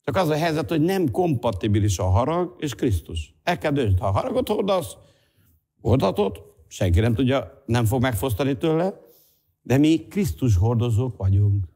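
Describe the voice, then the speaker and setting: A male pastor preaching a sermon, swinging between loud urging and soft, hushed asides. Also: mid-range voice, very animated, slightly rough. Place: church hall.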